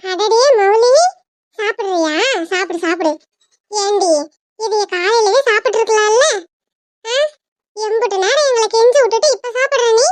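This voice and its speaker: A woman voicing a sharp-tongued village mother in a cartoon, nagging and sarcastic, with a southern Tamil Nadu accent. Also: very high-pitched, sing-song, unhurried, pauses often, no echo, heavily acted. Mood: teasing.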